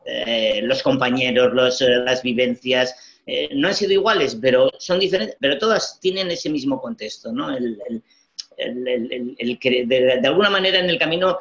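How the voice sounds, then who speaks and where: A man's voice: medium pitch, moderate pace, a bit bright. A man in his sixties, a Spanish pilgrim and writer, speaking reflectively on a video call from home, often repeating words. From Spain. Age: 60s. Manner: thoughtful, repeats words, frequent "eh" and "¿no?". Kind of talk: reflective interview talk. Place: home room with glass cabinet. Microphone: webcam on video call. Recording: muffled video call audio.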